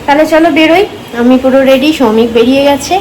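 A woman's voice: sits high, fast talker, darkish tone, slight background noise, low-quality recording. A woman, chatting casually through a home vlog, rambling with many fillers. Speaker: vlogger.

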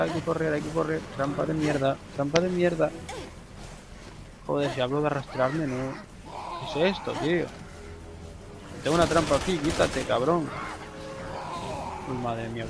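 A young man from Spain with a Spanish accent, casually commentating his gameplay, swearing often and breaking into excited exclamations. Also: mid-range voice, vocal fry, rough recording. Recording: game music behind voice.

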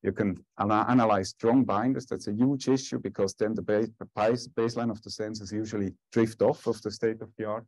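A man's voice: lowish voice, steady tone, brisk, hardly any pauses, darkish tone, no echo, rough recording. A man giving a technical talk and answering questions as a scientist at a conference. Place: conference lecture room.

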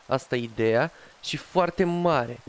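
A man's voice: mid-range voice, heavy background noise. A man casually commenting as he plays a building game, chatting to himself and to an in-game dog. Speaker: gaming youtuber. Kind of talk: casual Minecraft let's play commentary.

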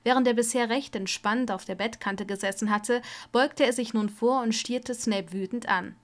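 A woman's voice: on the high side, normal speed. Woman reading a story aloud. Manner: steady storytelling narration. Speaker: audiobook reader. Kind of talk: reading fan fiction aloud.

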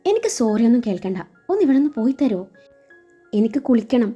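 A woman voicing a hurt young wife, speaking with quiet, tearful bitterness, over a dull recording with faint music. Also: a little high, sing-song, fast, husky. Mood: bitter, angry. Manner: quiet, wounded, tearful pleading.

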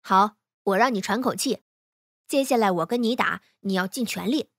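A woman voicing a playful, easygoing young male swordsman who coaches briskly with teasing encouragement. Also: medium pitch, fairly bright tone, no echo, studio quality, lightly acted.

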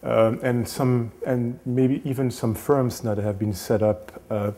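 A man in his thirties, a renovation specialist, giving a casual lecture to camera on a lapel mic, halting with many fillers and restarts. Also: medium pitch, steady tone, mellow. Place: small indoor studio set.

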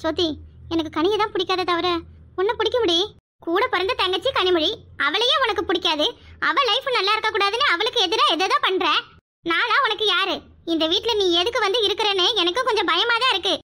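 A high-voiced performer playing a jealous, spiteful young woman who speaks in curt, cutting jabs. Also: a little fast, sharp tone.

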